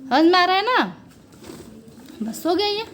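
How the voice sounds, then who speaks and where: High, lively woman teaching maths. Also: a little slow, a little hiss or hum. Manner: coaxing, checks understanding with frequent "okay"; addresses viewers as children. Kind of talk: step-by-step classroom explanation.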